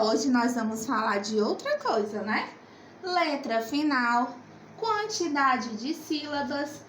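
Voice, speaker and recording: Lady teacher, high voice, slow and coaxing, echoey room. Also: a bit bright, a little hiss or hum. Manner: slow, coaxing, asks and answers her own questions. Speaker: primary school teacher. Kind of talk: remote literacy lesson.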